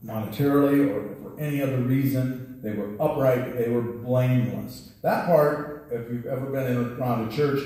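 A man's voice: medium pitch, normal speed, hardly any pauses, mellow. A middle-aged man preaching a sermon from a pulpit, talking conversationally with frequent restarts, on a headset mic. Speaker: pastor. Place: church sanctuary at a pulpit. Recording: roomy church echo, distant mic.

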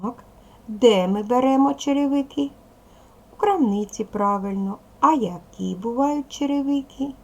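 A woman teaching a video language lesson to young children, patient and slow, asking questions and waiting for answers. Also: fairly high pitch, darkish tone, highs cut off. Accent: Ukrainian. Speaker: primary school teacher.

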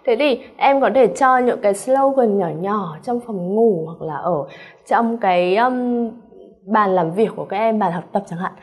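A woman teaching an English exam-prep lesson with a Vietnamese accent, animated and checking in with her students often, referring to herself by name. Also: mid-range voice, measured pace, breathy edge. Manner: calls herself by name in third person.

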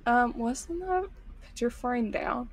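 Speaking slowly in a fairly high, expressive voice with vocal fry and a breathy edge, a young adult woman streams a co-op horror game, giggling and reacting casually. She's in a small room at home with a streaming setup, close to a boom-arm mic.

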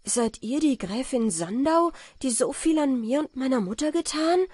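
A woman's voice: medium pitch, expressive, normal speed, mellow, dry recording, lightly acted. An earnest, noble-minded young apprentice, polite and grateful in his old-fashioned speech, as a woman reading a fairy tale gives him voice. The sound is dry and close to the mic. He stays modest and sincere.

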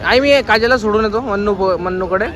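A man's voice: high-pitched, fairly quick. A man making brief, offhand remarks in casual family chat at a railway station. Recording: crowded station noise. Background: crowd chatter.

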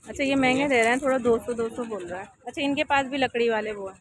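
A woman's voice: a little high, fast. A woman in her thirties with a Pakistani Urdu accent, chatting casually through a vlog and asking about prices as she shops. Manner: chatty, asks prices and comments on goods. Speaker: vlogger. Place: outdoor market, then home room. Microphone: phone camera. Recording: noisy outdoor phone audio.

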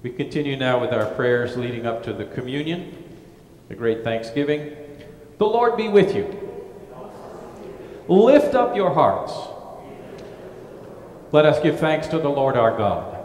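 A man's voice: mid-range voice, expressive, darkish tone, a little hiss or hum. Man leading prayers in cathedral echo. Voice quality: solemn, measured liturgical delivery. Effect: cathedral-like echo with a long church-hall reverb. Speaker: pastor leading worship. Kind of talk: liturgical prayer and communion service. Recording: echoey, reverberant large church hall.

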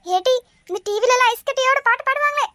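A woman's voice: extremely high pitch, lively intonation, fast, bright, forceful tone, no echo, exaggerated voice. A woman voicing a bossy, scolding older mother-in-law in a cartoon. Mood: excited. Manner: scolding, nagging. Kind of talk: cartoon voice acting.

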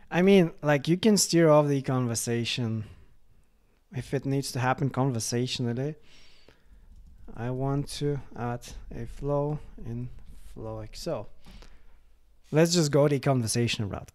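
A man casually walking through a software demo, chatty and full of fillers like "like" and "uh". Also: mid-range voice. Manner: chatty, lots of fillers, reads chatbot replies aloud. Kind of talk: casual screen-recorded product walkthrough.

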